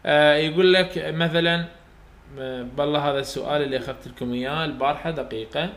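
A man's voice: a little high, fairly even intonation, fast talker, a bit bright, reverberant. A man with an Iraqi Arabic accent teaching English phonetics, explaining step by step and repeating sounds aloud for students to copy. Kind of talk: recorded lecture for students.

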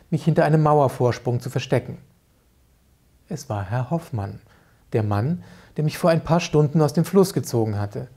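A man, an author, reads calmly and vividly from a children's book. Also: a little high. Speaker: author reading aloud. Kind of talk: reading a children's book aloud.

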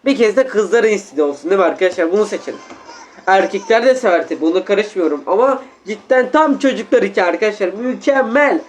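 High-voiced excited male game commentator. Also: fast, a little hiss or hum. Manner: animated, exclaiming, keeps addressing viewers as friends. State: sore throat, coughing. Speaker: gaming YouTuber. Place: at home.

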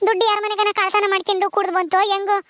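A woman's voice: very high voice, flat delivery, racing, fairly bright tone. A woman playing a young village daughter-in-law who complains indignantly in a comedy skit. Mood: complaining.

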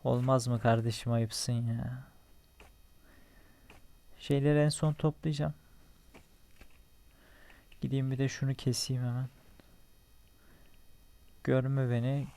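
A man's voice: mid-range voice, steady tone, slow, gravelly, pauses often, warm tone. A young man giving casual running commentary while playing a survival game, talking to himself, joking and cursing at enemies. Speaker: gaming channel host.

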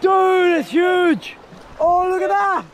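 A young fishing vlogger films himself on a tropical beach with a head-mounted action camera, his voice very high-pitched and slow. Excitable, he exclaims and laughs often as fish bite, and wind noise hits the outdoor camera mic.

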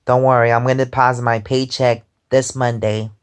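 A man in his twenties, twenty-five, chats casually and rambles, often repeating "because, um," while lying in bed at home filming himself as a vlogger on a phone held close above his face. His mid-range voice is level, a little fast, and clean.

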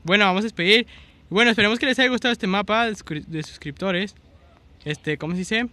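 Young male game host, high and bright tone, rambling casual commentary. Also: fairly quick. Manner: chatty, fumbles for words. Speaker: gaming channel host.

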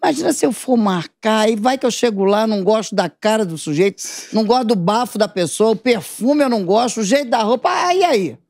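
Female guest, lively anecdote teller, wide pitch swings, dry close mic. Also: brisk, no room sound. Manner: animated anecdotes with acted-out voices. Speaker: talk show guest. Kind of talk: casual storytelling chat.

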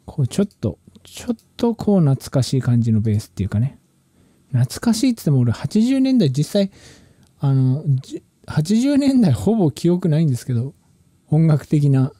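A man's voice: fairly high pitch, moderate pace, no echo, clean studio sound. A musician talking casually about his own production work, in a loose, rambling way with slangy phrasing and frequent restarts. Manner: relaxed, rambling, slangy speech with many restarts. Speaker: musician and channel host.

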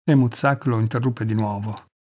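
A man from Italy with a husky voice, narrating a story in a measured way and slowing down on the dramatic lines. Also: lowish voice, fairly even intonation, a little mellow. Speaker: reader, narrator. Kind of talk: scripted audiobook narration.

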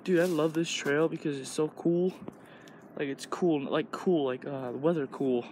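A man's voice: fairly high pitch, fairly even intonation, moderate pace, a little mellow. A teenage boy from Illinois, talking loosely and crudely while walking through the woods with a phone camera. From Illinois, USA. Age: teens. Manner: rambling, crude, loose talk with lots of "like". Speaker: vlogger. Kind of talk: casual walking vlog. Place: outdoors in woods. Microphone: phone camera held while walking. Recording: noisy outdoor phone recording.

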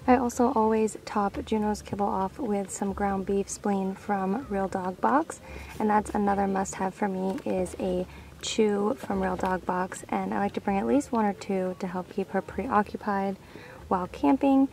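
Gravelly-voiced woman vlogging at camp. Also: mid-range voice, measured pace, a little hiss or hum, low-quality recording. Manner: relaxed, chatty. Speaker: dog owner vlogger. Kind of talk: casual product walkthrough vlog. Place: outdoor campsite.

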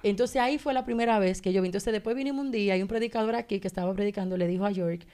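A woman's voice: medium pitch, very fast, clear, resonant tone. A woman telling an emotional personal testimony on a radio talk show, acting out the dialogue as she goes. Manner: animated storytelling, acting out dialogue. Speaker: guest giving testimony.

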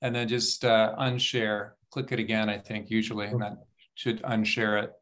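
A man's voice: lowish voice, flat delivery, normal speed, fairly bright tone. A man hosting a video call, patiently guiding someone through the controls.

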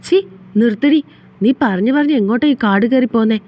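A woman's voice: on the high side, fairly quick, dark tone, lightly acted. A woman voicing an angry young husband who turns remorseful, in a storybook reading with curt, scolding lines.

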